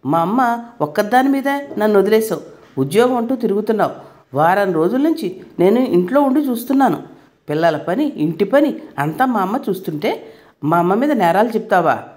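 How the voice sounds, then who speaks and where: Woman reading a sick young husband in a spoken story: heated, scolding, soft-toned. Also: mid-range voice, natural voice.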